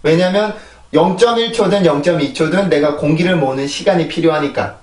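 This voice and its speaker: A man's voice: on the high side, brisk, darkish tone. A man teaching English pronunciation in a lecture, explaining sounds and repeating them in drills, often checking in with his listeners. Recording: echoey room, voice a bit distant from mic.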